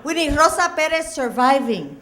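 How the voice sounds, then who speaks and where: Lively Puerto Rican woman doing stand-up. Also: high-pitched, normal speed, a faint crowd. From Puerto Rico. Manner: animated, punchy delivery with Spanish asides. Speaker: stand-up comedian. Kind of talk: stand-up comedy set. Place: comedy club stage.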